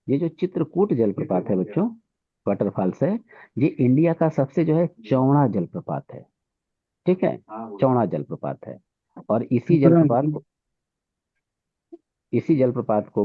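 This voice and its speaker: Guy teaching exam prep, husky, pitch bouncing all over, sounds like a phone line. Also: dry recording. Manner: repetitive, keeps saying "theek hai". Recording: tinny phone-like audio.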